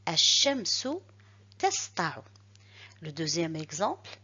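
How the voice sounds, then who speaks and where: Slow, careful woman teacher, husky voice. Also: mid-range voice, a bit bright, highs cut off. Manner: slow, careful, repeats examples syllable by syllable. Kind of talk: recorded reading lesson.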